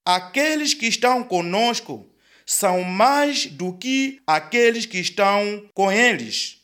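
A man voicing a calm, fearless prophet who reassures his servant in a storybook reading. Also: high voice, slow pace, exaggerated voice. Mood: reassuring.

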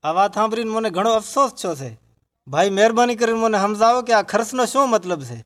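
A man's voice: high-pitched, a little fast, a bit bright. A man in a scripted religious dialogue, earnestly explaining his faith to a grieving villager.

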